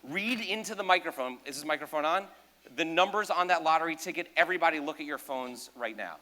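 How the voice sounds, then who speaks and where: A man's voice: fairly high pitch, expressive, fast talker, sharp tone. A man performing a number trick for a gala audience, joking, self-deprecating and talking straight to the crowd. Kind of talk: live stage patter. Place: large ballroom.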